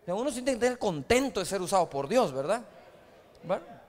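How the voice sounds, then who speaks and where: High-voiced preacher in a reverberant hall. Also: male voice, big pitch swings, brisk. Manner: storytelling preacher, conversational with rhetorical asides. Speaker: pastor. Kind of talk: sermon. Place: large church hall. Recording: live church hall reverb.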